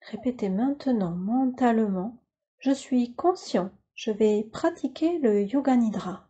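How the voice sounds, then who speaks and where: A woman's husky, slightly high voice leads a yoga nidra relaxation, calm and instructional in its measured phrasing. The audio sounds dull.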